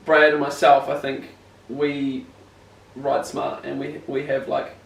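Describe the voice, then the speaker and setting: Here a young BMX rider being interviewed speaks at medium pitch in a level, gravelly tone, taking his time. His broad New Zealand accent carries a rambling, slangy, self-deprecating casual chat, picked up by a distant mic in an echoey room with faint noise.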